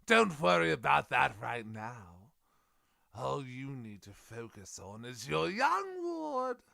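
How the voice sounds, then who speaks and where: A man's voice: mid-range voice, wildly swooping pitch, slow, gravelly, pushed and bright, heavily acted. A man playing a gleeful, taunting supervillain clown with a theatrical, mocking drawl in an audio drama. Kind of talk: audio drama villain acting.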